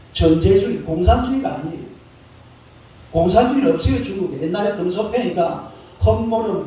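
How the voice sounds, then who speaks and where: Korean pastor preaching in an echoey church. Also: male voice, sits high, mellow. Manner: colloquial, asks the congregation questions and answers them himself. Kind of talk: sermon. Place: church sanctuary. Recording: roomy church sound from a distant mic.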